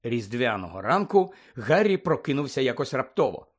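A man reading a children's fantasy novel aloud, acting out each character's lines with lively expression. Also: mid-range voice, moderate pace. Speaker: narrator. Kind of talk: audiobook reading.

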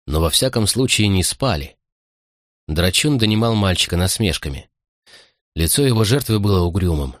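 A man reading a first-person audiobook narration in a measured, even storytelling manner. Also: low-pitched, no echo, studio quality.

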